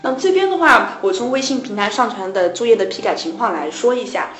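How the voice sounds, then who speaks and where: A woman's voice: on the high side, expressive, a little fast, fairly bright tone, echoey room. A woman co-hosting a casual English lesson talk, explaining pronunciation points patiently, step by step. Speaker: English tutor co-host. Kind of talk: casual radio-style chat.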